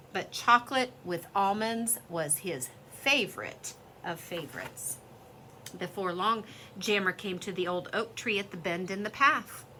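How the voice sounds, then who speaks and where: A woman reading a children's story aloud in an expressive, lively storytelling way. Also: mid-range voice, slight background noise.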